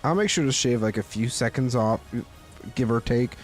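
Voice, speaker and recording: A man's voice: medium pitch, moderate pace, soft background music. A man casually commenting on his gameplay in a joking, wry way. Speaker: gameplay host. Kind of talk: casual let's-play commentary.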